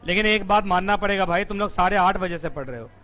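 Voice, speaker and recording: Bright-voiced teacher bantering with his class. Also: sits high, fast. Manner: teasing, asks the class questions and answers them himself. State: strained throat from shouting. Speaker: company law teacher. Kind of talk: live classroom lecture. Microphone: room mic.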